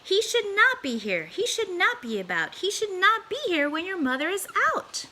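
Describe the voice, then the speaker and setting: A woman's voice: very high-pitched, big pitch swings, normal speed, sharp tone, a little hiss or hum, pitched above the performer's own voice, heavily acted. A woman voicing a bossy, worried pet fish from a storybook, scolding indignantly and emphatically. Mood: alarmed, scolding.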